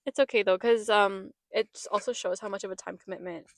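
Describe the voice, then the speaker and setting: A woman's voice: mid-range voice, steady tone, quick pace, no room sound, clean studio sound. A young woman hosting a podcast in casual chat, talking in a chatty, rambling way with restarts. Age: young adult. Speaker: podcast host. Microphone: podcast mic.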